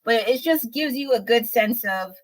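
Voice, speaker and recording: A woman's voice: a little high, expressive, moderate pace, poor audio. A woman chatting casually on a livestream while she paints, frank and rambling, a little unwell. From United States. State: slightly unwell. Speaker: streamer.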